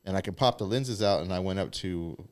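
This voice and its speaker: A man hosts a podcast from a studio in loose, casual conversation. His voice sits fairly low. He rambles, with plenty of "like" as he goes. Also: brisk, darkish tone. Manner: rambling, peppered with "like". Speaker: podcast host. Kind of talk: casual chat.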